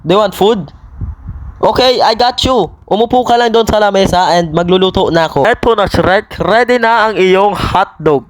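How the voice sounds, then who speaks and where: A man narrating his own game role-play, given to loud, sudden exclamations. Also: high voice, normal speed, dry recording. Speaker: gaming video creator.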